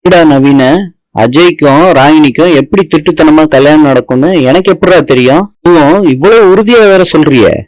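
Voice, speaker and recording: A man's voice: a little high, brisk, darkish tone, no echo, natural voice, poor audio. A man reading a defensive middle-aged tailor.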